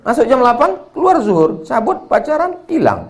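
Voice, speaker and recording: Animated Indonesian man preaching with jokes. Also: extremely high pitch, moderate pace, background noise. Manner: animated, jokey, chants Arabic word forms. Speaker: Islamic preacher. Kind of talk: humorous religious lecture to students.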